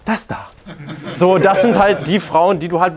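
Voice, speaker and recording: A young man, a dating coach, talking to viewers and then giving a seminar talk, lively and acting out the people he quotes. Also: normal speed, a crowd in the background. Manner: animated, acts out quoted clients in a higher voice. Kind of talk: seminar talk and video intro.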